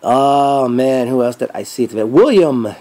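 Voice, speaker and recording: A man recaps an event casually as a fan, rambling and thinking out loud with pauses that trail off. His mid-range voice is expressive and warm.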